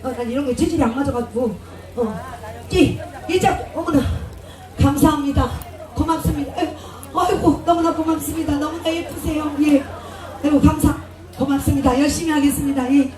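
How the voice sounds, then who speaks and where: Woman performer, high bright voice, bantering with the crowd through a booming stage mic. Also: fairly even intonation, fairly quick. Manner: joking, chatty, effusive thanks. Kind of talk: banter with a live audience. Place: outdoor festival stage. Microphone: stage PA microphone. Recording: echoey PA sound, taped from far off, crowd noise.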